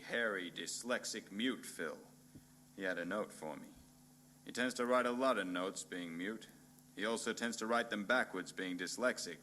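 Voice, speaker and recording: Here a man plays a pompous, bumbling hard-boiled detective in a spoof of noir radio, delivering deadpan, melodramatic narration. His pitch is fairly low, with slight noise in the background.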